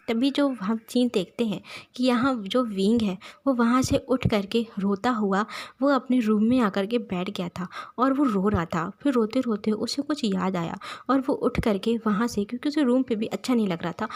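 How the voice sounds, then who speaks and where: A woman's voice: mid-range voice, a little mellow, breathy edge. A woman telling a romantic fan-fiction story in a conversational, repetitive way with frequent fillers.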